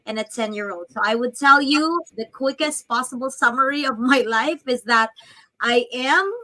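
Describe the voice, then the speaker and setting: A woman's voice: sits high, moderate pace, bright, forceful tone, low-quality recording. A woman around forty, a business coach introducing herself cheerfully on a livestream. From Philippines. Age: 40s.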